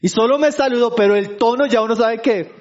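A man's voice: extremely high pitch, brisk, muffled recording. A man preaching to his congregation, calling them brothers and keeping them engaged with rhetorical questions. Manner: keeps asking the congregation for agreement; addresses listeners as brothers. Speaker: pastor. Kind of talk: sermon.

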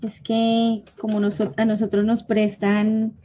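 A woman leading a church prayer group on a video call, gently apologizing as she closes the meeting. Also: mid-range voice, monotone, measured pace. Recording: dull lo-fi video call audio.

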